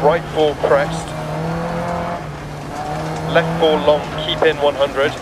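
Loud engine and tyre noise surrounds a focused male rally co-driver in a racing game. He calls rapid pace notes in a slightly high voice. The phrases are clipped, businesslike and urgent. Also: flat delivery. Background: racing car engine, gravel and tyre noise.

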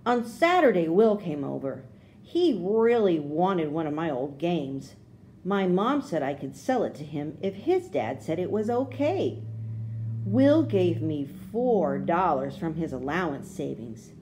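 A woman with a lowish voice reads a children's storybook aloud, phrasing it expressively and deliberately for young listeners. There's slight background noise.

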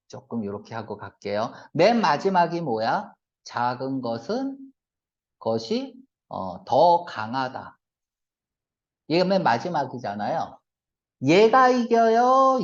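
Man, exam-prep lecture, brisk teacher, rhetorical questions, very expressive pitch. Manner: brisk, fires rhetorical check-questions at students; switches between polite and blunt casual speech. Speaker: English reading teacher. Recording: lo-fi lecture recording.

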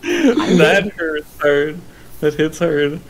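A man co-hosting a casual live stream, slow and teasing in how he talks. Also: fairly high pitch, expressive, over a noisy crowd, low-quality recording. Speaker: stream co-host.

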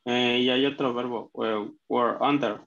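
Slow, gravelly man reading English hesitantly. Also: mid-range voice, steady tone, a bit bright, lo-fi sound. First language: Spanish. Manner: hesitant, halting, restarts words. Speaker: student. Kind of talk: learner reading sentences aloud in a lesson.

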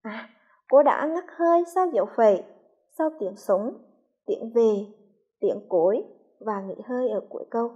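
A woman from Hue with a Vietnamese accent, a primary school teacher reading a lesson slowly and clearly to young children. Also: fairly high pitch, lively intonation, mellow, dull audio. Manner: slow, clearly articulated, patient.

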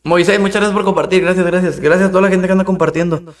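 A man's voice: sits high, little pitch movement, racing, far from the mic. A man with a Mexican accent, streaming a game live, chatting in slang and thanking viewers between rounds.

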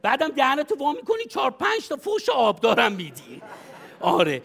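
A comic advisor in a studio-stage sketch coaches someone bossily, full of brash advice and constant laughter. He speaks at an extremely high pitch with huge swings, some vocal fry, and a fairly bright tone.

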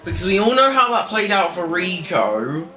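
Bright-voiced man calling a sim race. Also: high-pitched, very animated, moderate pace, a little hiss or hum. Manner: chatty, joking, off-the-cuff. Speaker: sim racing commentator and streamer. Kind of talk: casual live race commentary. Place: home streaming setup. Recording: roomy echo, faint music behind.

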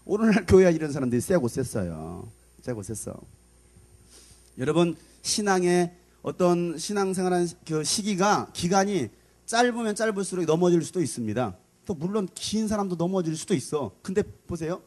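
A middle-aged man preaching a lively youth sermon, acting out scenes with shouted put-on voices. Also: moderate pace. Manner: animated, acts out scolding mothers in shrill voices. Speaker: pastor. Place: church hall.

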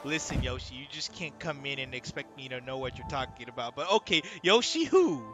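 A man streaming a video game live, reacting excitedly, chatting with viewers and swearing casually. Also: mid-range voice, fairly quick. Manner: excitable, chatty, talks to chat. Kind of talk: live gameplay commentary. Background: game music.

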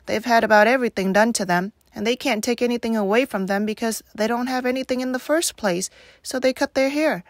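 A quiet, resigned teenage greaser boy, speaking low and subdued, as a woman reading aloud voices him. The sound is dry and close. It is a storybook reading with plain, low-key lines. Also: brisk, dry recording, natural voice.

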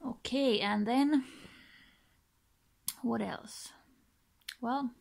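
A woman from Finland, in her thirties, speaks with a Finnish accent as she introduces her channel in casual, unscripted talk to camera. Her voice is a little high, and her phrases come out short, halting and breathy, picked up indoors in a small bedroom by a built-in device mic close to her face.

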